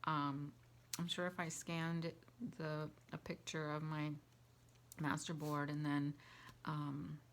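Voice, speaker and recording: A woman with a low-pitched voice chats her way through a crafting tutorial. She rambles, restarts her sentences and fills pauses, like she's talking to friends. The home recording has a clear layer of noise under it. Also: flat delivery. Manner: chatty, rambling, with fillers and restarts. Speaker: crafting channel host.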